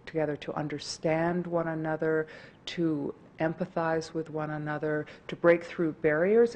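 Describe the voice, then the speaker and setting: A woman speaking in a documentary interview, earnest and deliberate. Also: low voice, a little mellow, slight background noise.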